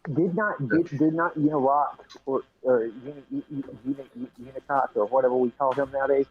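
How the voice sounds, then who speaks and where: A man's voice: mid-range voice, steady tone, brisk. A man on a call whose voice comes through muffled and underwater-sounding, stumbling over restarts as he asks a question. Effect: muffled, underwater-sounding call audio. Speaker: panel participant on a call.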